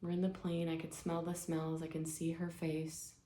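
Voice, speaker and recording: A woman leading a guided healing exercise, speaking in a gentle, soothing way, step by step. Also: low-pitched, monotone, moderate pace, a little hiss or hum. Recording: echoey room with faint ambience.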